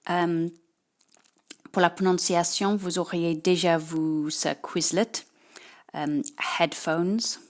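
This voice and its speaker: Slow, patient woman teaching English. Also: fairly low pitch, steady tone. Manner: slow, explanatory, switching between French and English. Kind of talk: recorded lesson correcting homework. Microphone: video lesson recorded at a computer.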